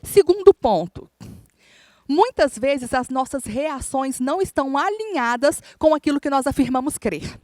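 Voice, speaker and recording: A woman preaches a sermon, telling a story in an animated way and calling out to her listeners. Her voice sits high, and the recording is dry and close with no room echo. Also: normal speed. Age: adult, married. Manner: animated storyteller, often calls out to the congregation. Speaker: minister. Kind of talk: sermon with personal testimony.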